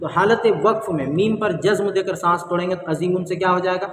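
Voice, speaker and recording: A man teaching the rules of Quran reading, explaining step by step, asking and answering his own questions, and chanting the verses slowly. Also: high voice, steady tone, fairly bright tone, echoey room, big-room sound, a little hiss or hum.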